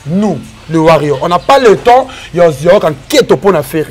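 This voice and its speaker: A man's voice: sits high, sing-song, brisk, breathy edge, faint music behind. A man arguing emphatically as a fan, repeating himself and mixing French with Lingala. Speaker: fan interviewee. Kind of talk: animated street debate.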